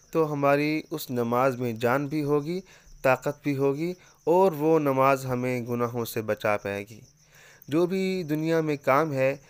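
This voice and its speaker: A man with a smooth, mid-range voice delivers an earnest religious lesson on prayer. Speaking as a religious teacher, he keeps asking his listeners one rhetorical question after another.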